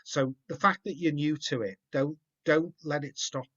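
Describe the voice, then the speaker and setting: A man's voice: fairly high pitch, normal speed, a bit bright. Rambling, encouraging man on a call. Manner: rambling, encouraging, repeats words. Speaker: host. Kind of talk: casual chat. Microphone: video call. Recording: muffled video call audio.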